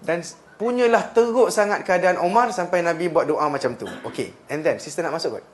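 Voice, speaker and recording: A Malaysian man giving a storytelling lesson to a class, his voice pitched fairly high for a man. He mixes Malay and English as he goes and repeats words over and over to drive a point home. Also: brisk, a little hiss or hum. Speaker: religious lecturer.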